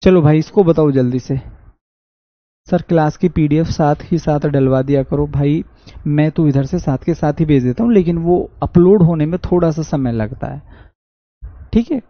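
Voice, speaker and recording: A man with a Haryanvi accent teaching an online exam-prep English class, reading sentences slowly and answering his own questions. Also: fairly high pitch, no room sound. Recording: dull dry lo-fi audio.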